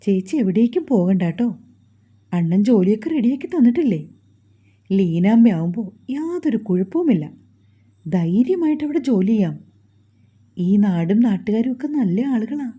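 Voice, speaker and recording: A woman's voice: mid-range voice, sing-song, moderate pace, pauses often, slightly rough. Woman reading as a cheerful teasing young man. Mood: teasing reassurance. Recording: dull lo-fi recording.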